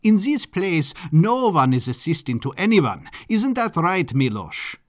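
A man's voice: a little high, big pitch swings, a little slow, pitched above the performer's own voice. A man voicing a flamboyant, eccentric male baron who talks in an effusive, squealing, theatrical way in a storybook reading. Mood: gushing.

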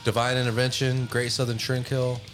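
A man co-hosting a casual podcast, talking about music in a profane, excitable way and laughing often. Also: mid-range voice, brisk. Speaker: podcast co-host. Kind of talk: casual chat.

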